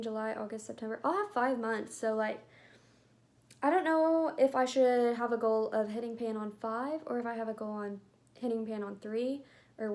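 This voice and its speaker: Young woman, beauty vlog, chatty and rambling, slightly high voice with vocal fry. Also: a little mellow. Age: young adult. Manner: chatty, rambling, lots of filler words. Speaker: beauty vlogger. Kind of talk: casual chat.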